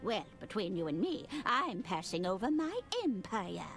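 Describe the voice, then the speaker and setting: A woman's voice: medium pitch, very animated, moderate pace, a bit bright, faint music behind. A woman playing an elderly, shrewd railway matriarch in a comedic game, grand, wry and amused. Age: older. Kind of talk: comedic adventure game acting.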